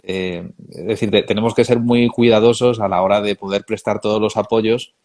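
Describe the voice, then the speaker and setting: Man, lowish voice, thoughtful, unhurried interview host. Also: fairly even intonation, a little mellow. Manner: measured, reflective, hesitant fillers. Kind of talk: conversational interview.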